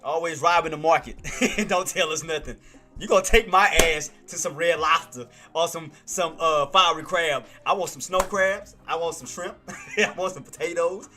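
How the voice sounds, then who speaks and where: Bright-voiced man giving market commentary. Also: fairly high pitch, normal speed, faint music behind. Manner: casual, laughs often, talks to viewers by name. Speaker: stock trading livestream host.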